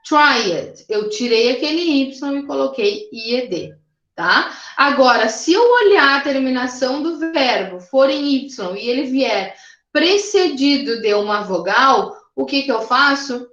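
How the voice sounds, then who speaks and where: A woman's voice: high voice, lively intonation, unhurried, a bit bright, highs cut off. Patient woman teaching grammar, roomy sound. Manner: patient step-by-step explaining, with frequent check-ins like "né?" and "ok?". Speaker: English teacher. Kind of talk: recorded remote grammar lesson.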